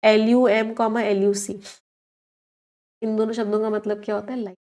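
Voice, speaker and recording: A woman's voice: medium pitch, little pitch movement, moderate pace, warm tone. Hindi-English mixing woman teacher. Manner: explains words in Hindi mixed with English, asks the class questions. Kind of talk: online exam-prep lesson.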